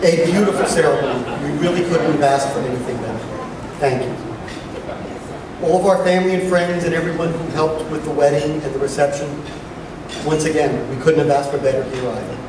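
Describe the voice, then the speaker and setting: A middle-aged man giving a father of the bride speech at a wedding reception, speaking deliberately with pauses and dry humor. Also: fairly high pitch, fairly even intonation. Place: large room at a wedding reception. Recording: echoey reception hall, distant mic, noisy crowd. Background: guests and crowd noise.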